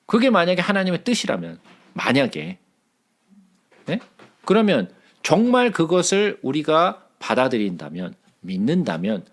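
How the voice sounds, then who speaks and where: Man, a little higher-pitched than most, gravelly; Bible study leader, conversational, keeps asking the room "right?". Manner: conversational, checks in with listeners often.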